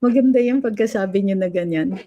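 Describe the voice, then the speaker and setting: A woman's voice: medium pitch, fairly quick, lo-fi sound. A woman with a Filipino accent hosting a casual livestream, reading viewer comments aloud and chatting between Filipino and English. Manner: switches between Filipino and English, coos at her dog. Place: home room with a fan.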